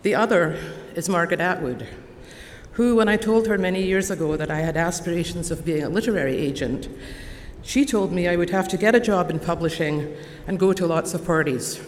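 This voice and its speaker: A Scottish woman in her sixties with an Edinburgh accent delivers a formal, prepared convocation address from a podium as an honorary degree recipient. Her low-leaning voice is measured, deliberate, and warmly earnest. The large convocation hall adds long reverb, with faint background noise.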